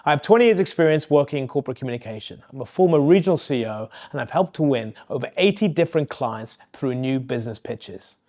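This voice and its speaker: A man's voice: medium pitch, expressive, quick pace, few pauses, a little mellow. A man in his forties hosting a podcast, asking probing questions in a friendly way and reading his own promo. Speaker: podcast host and interviewer. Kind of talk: interview questions and ad read.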